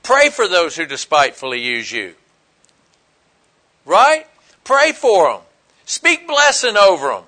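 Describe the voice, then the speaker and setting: A man delivers a folksy sermon in a high, bright voice. He talks plainly and with emphasis, leaping up in loudness on his key points and dropping low for quieter asides. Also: huge pitch swings, measured pace, pauses often. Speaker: preacher.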